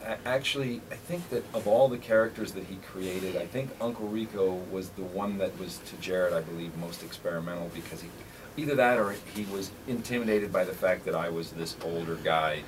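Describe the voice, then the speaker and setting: A man with a low-pitched voice, talking a little fast, is interviewed on the radio as a visiting actor. He spins jokey, self-deprecating stories in a relaxed studio conversation, recorded on a distant mic with constant background noise.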